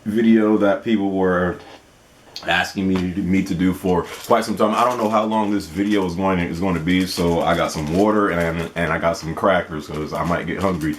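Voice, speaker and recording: A man's voice: low voice, steady tone, normal speed, slight background noise. A man in his twenties hosting a casual question-and-answer vlog, playful and laughing often. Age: 20s. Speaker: gaming channel host.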